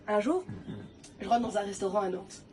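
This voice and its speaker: A woman from Tunisia doing a stand-up comedy routine in a restaurant, telling stories in a lively way. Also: medium pitch, measured pace, distant mic, slight background noise. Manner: lively storytelling, playing characters. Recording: live show with audience laughter.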